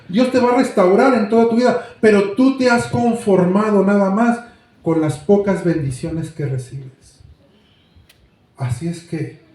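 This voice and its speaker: A man playing a gentle, devoted wife. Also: on the low side, lightly acted. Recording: very echoey room.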